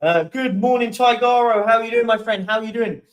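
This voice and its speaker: Young guy chatting on a live stream, highish voice, sounds a little distant, keeps yawning. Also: a little fast. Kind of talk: casual live-stream chat reading viewer comments.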